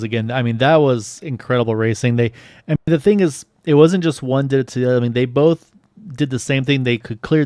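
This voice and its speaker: A man's voice: mid-range voice, no room sound. A man calls an online sim race lap by lap, and his voice climbs whenever the cars get close. His mid-range voice sounds dry and close to the mic, with almost no room around it. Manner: excited, rising with the action. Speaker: play-by-play commentator. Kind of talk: sim racing commentary.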